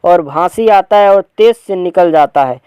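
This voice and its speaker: A man's voice: sits high, normal speed, dark tone, clear, resonant tone, dry recording. A man reading a play aloud for students, narrating the stage directions plainly. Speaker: teacher.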